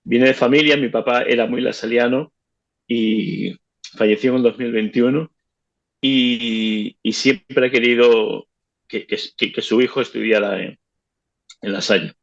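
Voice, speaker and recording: A man's voice: mid-range voice, fairly even intonation, gravelly. Cuban-born man in his fifties, muffled. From Cuba. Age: 50s. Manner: halting, repeats words while recalling. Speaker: interview guest, retired teacher. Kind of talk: casual interview.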